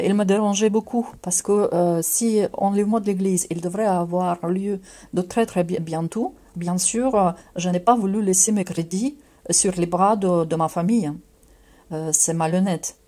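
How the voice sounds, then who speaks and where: A middle-aged woman from Ukraine with a Ukrainian accent, giving an earnest personal religious testimony in a halting way, full of fillers and restarts. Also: on the low side, mellow.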